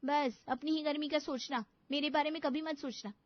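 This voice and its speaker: A woman voicing an offended young wife in an animated story, who talks in a complaining, resentful way. The sound is dry and lo-fi. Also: sits high, normal speed, no echo, natural voice.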